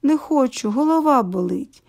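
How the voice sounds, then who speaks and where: A woman's voice: sits high, animated, moderate pace, creaky, a little mellow, exaggerated voice. A woman doing a whiny sick schoolboy. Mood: sulky. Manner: whiny, complaining. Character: sick schoolboy, sulky and fed up.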